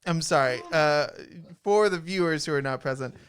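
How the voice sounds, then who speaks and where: A man's voice: a little high, moderate pace, fairly bright tone. A man narrating a tabletop game as game master, describing scenes loosely with many fillers and restarts. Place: college radio studio.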